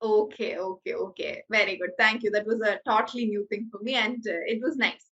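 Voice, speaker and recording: This woman, who has a Malayali accent, runs an online English class by video call, moving back and forth between English and Malayalam with frequent hesitant fillers. She talks extremely slowly in a mid-range, slightly bright voice with a breathy edge, and the sound is lo-fi.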